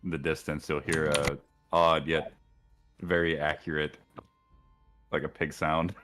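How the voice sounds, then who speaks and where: A man's voice: a bass voice, level tone, a little slow, a bit bright, faint music behind. A man playing a tabletop game, talking playfully and laughing through his lines. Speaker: player. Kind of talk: casual tabletop game chat.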